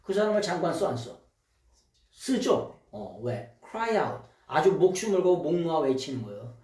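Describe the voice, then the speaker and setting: A male pastor preaching a sermon. He throws questions out to the congregation and swings from shouting to quiet asides. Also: fairly high pitch, very animated, normal speed, roomy sound, recorded from a distance. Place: church sanctuary.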